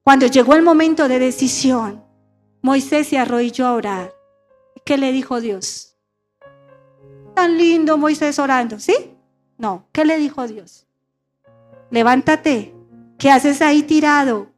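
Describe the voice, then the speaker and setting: In a church sanctuary, a middle-aged woman pastor preaches with a high-sitting voice, speaking a little slowly and pausing often. She has the congregation echo her phrases in call-and-response fashion, and faint music is heard behind her.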